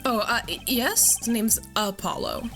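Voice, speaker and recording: A woman doing a flustered young lawyer, polite and stammering. The voice is bright and forceful, close to her own talk. Faint music plays behind in the game. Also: fairly high pitch, expressive, unhurried, full character voice. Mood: earnest. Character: earnest young male defense lawyer, flustered.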